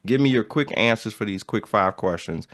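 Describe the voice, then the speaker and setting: A man's voice: lowish voice, lively intonation, moderate pace, fairly bright tone, no echo, clean studio sound. Hype-talking male podcast host. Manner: hype, upbeat intros with repeated phrases. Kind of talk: casual podcast chat.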